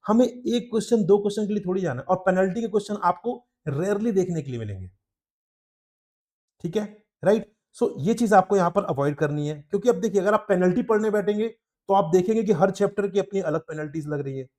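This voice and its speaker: A man's voice: high-pitched, animated, fairly quick, darkish tone. A man tutoring law exam students, explaining strategy in a direct, advising way and often checking in with "okay?". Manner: explains in Hindi mixed with English, asks "ठीक है?" often.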